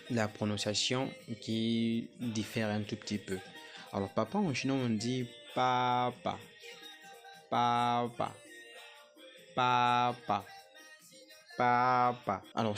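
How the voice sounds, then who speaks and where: A man teaching a language lesson, patiently repeating words slowly for pronunciation drills. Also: lowish voice.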